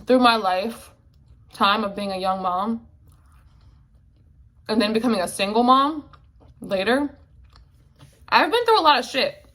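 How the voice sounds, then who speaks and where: A woman's voice: a little high, lively intonation, unhurried, long pauses, fairly bright tone. Candid young woman vlogging. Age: 20s. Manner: candid, heavy filler words and swearing. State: emotional, tearful at times. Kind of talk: casual Q&A vlog talk.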